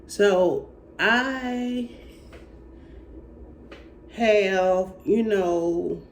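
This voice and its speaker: A speaker from Alabama with a country Southern accent, talking slowly and haltingly in a personal faith testimony and encouragement vlog. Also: medium pitch, a little hiss or hum, poor audio. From Alabama, United States. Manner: slow, halting country drawl. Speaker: faith vlogger.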